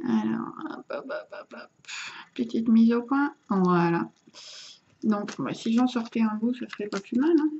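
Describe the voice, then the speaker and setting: A woman with a fairly high voice talks viewers through her gear in a casual demonstration. She hesitates a lot, restarting phrases as she handles objects. The sound is dull and lo-fi, like a camera's own microphone. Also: unhurried, darkish tone, slight background noise. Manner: hesitant, many fillers and restarts. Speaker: vlogger showing vaping gear.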